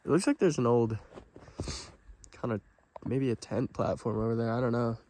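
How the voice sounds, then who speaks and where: A man's voice: medium pitch, moderate pace, mellow. A man narrating an overnight camping vlog in a casual, informal, understated way. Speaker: vlogger.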